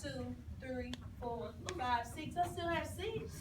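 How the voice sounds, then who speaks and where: A high-pitched woman teacher instructs a classroom in firm, proctor-like directives. She counts down and repeats her orders in short phrases. The recording is echoey, picked up from a distance, with clear room noise. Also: takes it slowly. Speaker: second-grade teacher. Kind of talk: classroom instruction with call-and-response prompts.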